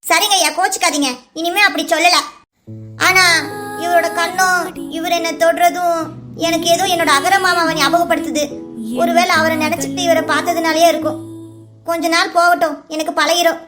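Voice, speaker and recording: A woman's voice: very high-pitched, flat delivery, moderate pace. A woman voicing a timid young village girl in a cartoon serial, who asks pleading questions in a sing-song voice. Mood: curious. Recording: music bed under voice.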